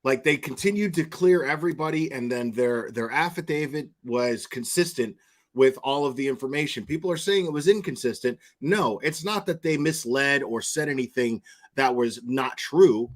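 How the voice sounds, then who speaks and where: A man with a medium-pitched voice at normal speed offers opinionated, off-the-cuff online commentary. He leans on repeated words for emphasis and keeps checking in with the listener through "okay?" and "right?".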